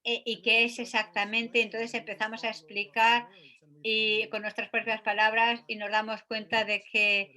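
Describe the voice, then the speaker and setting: Bright-voiced woman teaching a sutra. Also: fairly high pitch, flat delivery, normal speed. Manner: hesitant, many filler sounds, reads passages aloud. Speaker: Buddhist teacher or interpreter.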